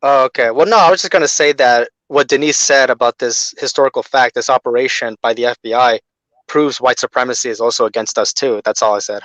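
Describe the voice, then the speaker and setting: A man's voice: mid-range voice, brisk, a bit bright, dry recording. A man on a video call that keeps breaking up, joining a casual group discussion and building on what others say. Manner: agreeable, builds on others' points. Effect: video call audio that breaks up. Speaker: panel guest. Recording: dull, dry video call audio.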